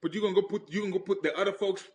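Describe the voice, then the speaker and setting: A man in a casual podcast debate, emphatic and animated, with a lot of "bro" and repeated points. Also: sits high, very fast. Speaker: podcast co-host.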